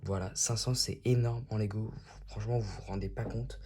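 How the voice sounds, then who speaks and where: A man's voice: lowish voice, fairly even intonation, normal speed, dark tone, slight background noise. A man hosting a casual unboxing vlog, talking in a chatty and enthusiastic way. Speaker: YouTube host.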